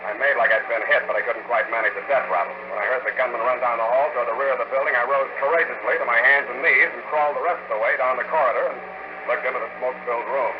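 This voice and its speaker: Hard-boiled male private eye, terse tough-guy delivery, quick pace, old wire recording, heavy hiss. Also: medium pitch, fairly even intonation, lo-fi sound. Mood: tough narration. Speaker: private detective. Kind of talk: 1940s radio drama acting and narration. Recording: scratchy 1940s wire recording, loud hiss.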